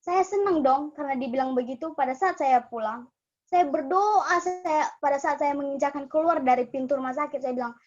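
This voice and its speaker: A woman's voice: sits high, moderate pace. A young woman giving a personal testimony at a church cell group, earnest and emotional, often stopping to restart her sentences. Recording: dull lo-fi sound.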